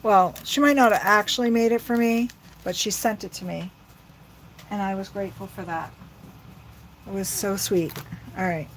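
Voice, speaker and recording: A woman's voice: medium pitch, moderate pace, pauses often, a little hiss or hum, low-quality recording. A middle-aged woman rambling chattily to her viewers while she works on a crafting livestream. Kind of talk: casual crafting livestream chat.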